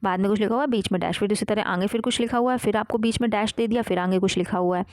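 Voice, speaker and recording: Fast-talking woman teacher. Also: mid-range voice, darkish tone, no echo. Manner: explanatory, frequent "theek hai" check-ins. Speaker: English teacher. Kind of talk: exam-prep lesson.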